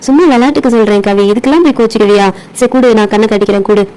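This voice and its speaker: A woman's voice: on the high side, very fast, mellow, close to an everyday voice, rough recording. A woman voicing a teasing, bossy young woman doll in a doll play story, speaking with a teasing, bossy manner.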